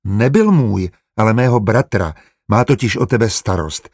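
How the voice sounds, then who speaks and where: A man voicing a gentle young woman speaking reassuringly in a storybook reading. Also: lowish voice, lively intonation, no room sound, studio quality.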